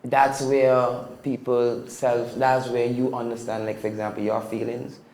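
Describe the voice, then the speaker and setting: A man's voice: mid-range voice, flat delivery, unhurried, gravelly, a little mellow, echoey room, a little hiss or hum. A man with a Caribbean English accent, a DJ recounting his life in a casual, reflective podcast interview. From Caribbean (Statia). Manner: reflective, emphatic, slangy. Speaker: podcast guest, DJ.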